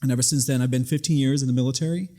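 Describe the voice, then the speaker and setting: A man's voice: medium pitch, fairly even intonation, very fast, dark tone. A middle-aged man from the Bronx, New York, giving conversational interview answers as a military guest. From Bronx, New York, USA. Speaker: guest, Air National Guard first sergeant.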